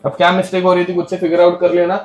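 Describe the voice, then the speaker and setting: A man's voice: sits high, completely flat delivery, very fast. A young Indian man with an Indian English accent teaching chemistry to a class, scolding talkers and dictating notes word by word. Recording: echoey classroom.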